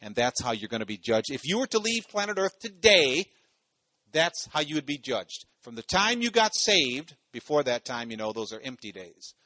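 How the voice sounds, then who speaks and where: A man's voice: mid-range voice, very animated, moderate pace, pushed and bright, dry recording. A man from Ohio preaching a sermon in a loose, conversational way, full of "you know" asides and phrases repeated for emphasis. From Ohio, USA.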